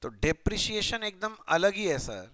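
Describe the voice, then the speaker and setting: Young guy teaching accounts, bright voice that jumps all over, playful, mutters to himself while writing. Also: sits high, big pitch swings, normal speed, no echo. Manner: chatty and playful, asks students questions, mutters while writing. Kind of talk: casual classroom lecture.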